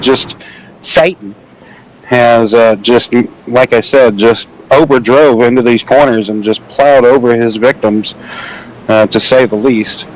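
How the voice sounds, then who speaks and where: A man with a mid-range voice gives casual play-by-play of a simulated truck race, rambling, poking fun at himself and tossing in jokey asides. He's a sim racing commentator on a home microphone over an online call, and the rough recording carries a little hiss or hum.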